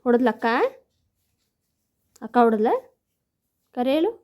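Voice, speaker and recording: A woman's voice: fairly high pitch, unhurried, darkish tone. A woman with a North Karnataka Kannada accent, chatting at home in a casual vlog and coaxing small children with teasing questions. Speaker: vlogger and mother.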